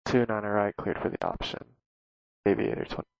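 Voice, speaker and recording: A man's voice: fairly low pitch, normal speed, creaky, clean tone, no room sound. A man speaking as a pilot over the aircraft radio, giving terse, clipped readbacks in radio phraseology. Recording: dull lo-fi radio transmission.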